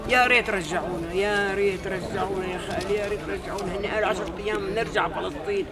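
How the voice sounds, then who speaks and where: An older man from Palestine, telling his memories in a documentary in rapid, repetitive storytelling. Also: high voice, fairly even intonation. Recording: film clip with crowd noise.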